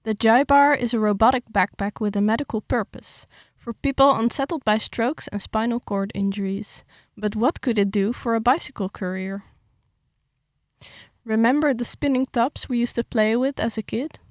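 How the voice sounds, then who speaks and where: A young woman with a fairly high voice chats casually about her article at a normal speed, hesitating and using fillers, then reads the piece aloud steadily. She's the writer, and the recording is studio quality with no echo.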